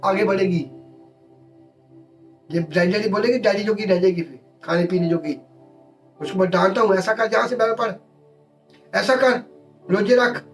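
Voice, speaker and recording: A man preaches a sermon in a high voice, driving his points home in short, repeated phrases. He sounds set back from the microphone, with faint music underneath. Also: distant mic. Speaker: pastor.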